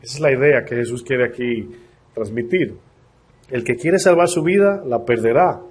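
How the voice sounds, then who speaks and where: A male pastor giving a sermon to his congregation. He sounds congested and husky, speaks earnestly, and slows down when reading scripture. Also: medium pitch. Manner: earnest preaching, addressing the congregation directly; slows down to read scripture aloud.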